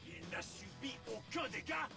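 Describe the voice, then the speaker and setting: Gravelly, proud dragon creature. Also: male voice, high voice, sing-song, unhurried, heavily acted. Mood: indignant. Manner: dramatic, emphatic. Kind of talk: French anime dub acting. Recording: music behind the voice.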